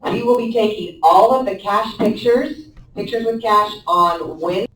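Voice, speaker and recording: A brisk, apologetic announcement comes over a school intercom speaker. It sounds echoey and far off, as the wall speaker carries it into a classroom. The pitch sits at a middling level. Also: a little hiss or hum. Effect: school intercom announcement over a loudspeaker. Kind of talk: public address announcement.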